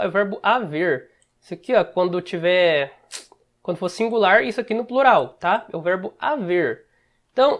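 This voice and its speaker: A man with a Brazilian Portuguese accent teaches English in a relaxed, conversational way. He breaks each phrase down step by step and keeps checking in with short asides to his viewers. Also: sits high. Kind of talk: casual screen-share lesson.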